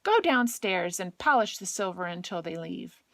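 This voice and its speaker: A woman's voice: fairly low pitch, animated, moderate pace, a bit bright, no echo. A woman voicing a bossy, scornful penguin stepmother in a storybook read to a toddler. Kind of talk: children's storybook read aloud to a small child.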